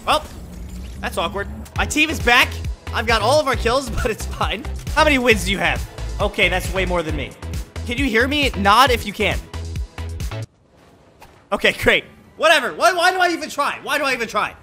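A man's voice run through a voice changer that pushes it up to a squeaky, very high pitch. He gives excitable, self-mocking commentary while he plays, and loud game music runs behind him. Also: moderate pace, long pauses. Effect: voice changer raising the pitch. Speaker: gaming video creator. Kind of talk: live gameplay commentary.

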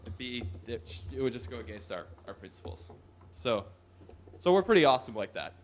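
A man's voice: medium pitch, sing-song, brisk, a little hiss or hum. A young man giving a loose, joking talk in a conference hall, with whoops and laughs, into a podium microphone. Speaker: conference presenter. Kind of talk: casual live tech talk.

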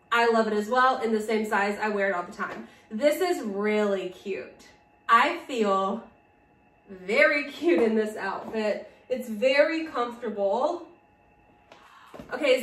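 A woman's voice: a little high, a bit bright, far from the mic. Chatty woman vlogger in an echoey room. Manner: chatty and upbeat, with frequent "like" fillers. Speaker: fashion vlogger. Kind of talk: casual style vlog. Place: room at home, filming on a tripod. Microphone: camera on a tripod some distance away.

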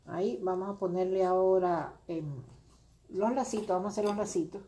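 A woman's voice: fairly low pitch, steady tone, moderate pace, mellow. A middle-aged woman hosting a crafting video, chatting casually and rambling with many fillers as she greets viewers by name. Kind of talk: casual crafting livestream chat.

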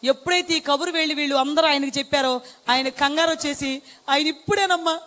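A woman's voice: sits high, steady tone, fast talker, a bit bright, in a large hall. A woman giving an emotional personal testimony, retelling events tearfully with quoted dialogue. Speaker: testimony speaker.

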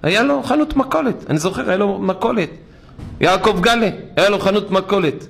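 Impassioned rabbi preaching in a synagogue. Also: male voice, animated, gravelly. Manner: impassioned storytelling preacher, swings between low murmurs and high exclamations. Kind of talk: sermon.

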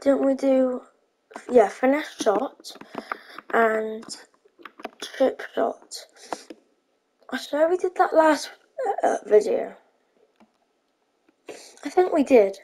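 A woman's voice: sits high, slow, pauses often, warm tone, slight background noise, poor audio. A woman giving casual, hesitant commentary on her own gameplay, thinking aloud with lots of ums. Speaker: gaming channel host.

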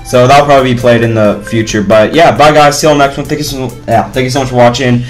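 A young man doing casual gameplay commentary, swearing loudly as he plays. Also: mid-range voice, steady tone, fast talker, faint music behind, poor audio. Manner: loud, swearing, frustrated outbursts. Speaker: gaming YouTuber. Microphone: headset.

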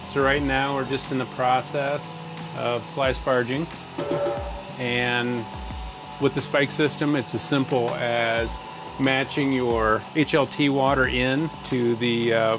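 A man in his forties, a home brewer, casually explaining his setup as he works in an indoor home brewery. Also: medium pitch. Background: guitar music.

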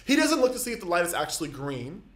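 A young man vlogger telling an exasperated, animated storytime. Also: high voice, fast. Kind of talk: storytime vlog. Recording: echoey room.

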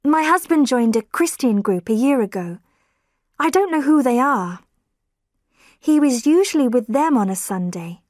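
A woman voicing a worried wife in a storybook reading, earnest and slow. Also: sits high, expressive, a little mellow, no room sound, clean studio sound, voice pushed up. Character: worried wife of a missing man.

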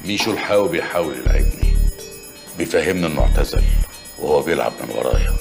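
Middle-aged Egyptian mob boss, drama: rock-bottom pitch, creaky, commanding menace. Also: male voice, expressive, fast talker, music in the background, full character voice. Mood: cold, menacing. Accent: Egyptian Arabic. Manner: commanding, cold. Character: menacing, proud crime boss.

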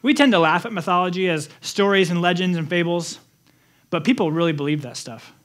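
A man preaching a sermon as pastor, telling the story with animated, conversational energy. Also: high voice, brisk. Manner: animated storytelling, acts out quotes in lively voices.

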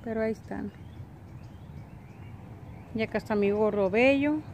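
A middle-aged woman with a Mexican accent talks in a slightly high voice, in the loose, colloquial way of a home vlogger. She narrates everyday life into a handheld phone, with ambient noise around her. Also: measured pace, darkish tone. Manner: colloquial, chatty. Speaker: family vlogger. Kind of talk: casual narration to camera while doing daily errands. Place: at home, indoors and in front yard. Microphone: phone at arm's length.

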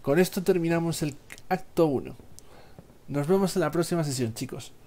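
A young man with an accent from Spain, improvising narration as game master in a halting way. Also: a little high, mellow. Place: small indoor room at home.

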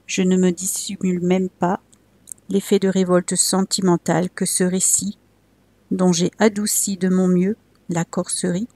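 A woman reading a classic tale aloud as a storyteller, measured and expressive. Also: on the low side, no echo.

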